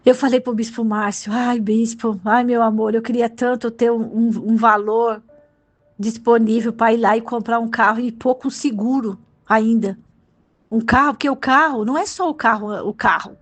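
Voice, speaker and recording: A woman's voice: on the high side, fairly even intonation, moderate pace. A woman bishop with a Brazilian Portuguese accent, preaching a fervent, emotional sermon full of exclamations.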